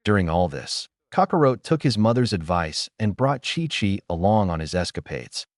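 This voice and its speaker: Guy reading a fanfic aloud, low voice, really animated delivery. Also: normal speed, no echo, studio quality. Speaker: narrator. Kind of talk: storybook narration.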